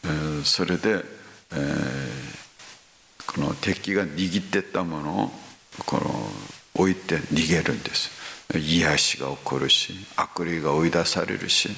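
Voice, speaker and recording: A man preaching a sermon, talking slowly with frequent hums and sudden rising exclamations. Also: very deep voice, gravelly, sharp tone. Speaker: pastor. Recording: echoey hall with faint hiss.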